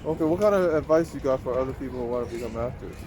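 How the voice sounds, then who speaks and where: A man's voice: medium pitch, racing. A man asking plain, informal questions as the interviewer in a casual street interview. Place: outdoors in a city park. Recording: outdoor city noise, passing traffic.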